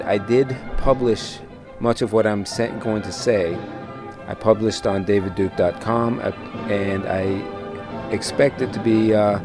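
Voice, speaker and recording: An older man hosting a solo radio podcast, lecturing slowly and deliberately, then reading his own article aloud. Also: on the low side. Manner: slow, deliberate lecturing delivery.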